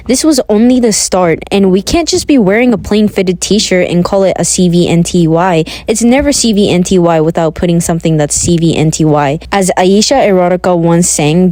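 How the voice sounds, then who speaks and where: A woman with a lowish voice talks through a sewing tutorial in a recorded voiceover. She keeps things playful and drops jokey asides as she goes. The sound is close and dry, with no room echo. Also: a little mellow. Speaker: sewing vlogger. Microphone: close mic voiceover.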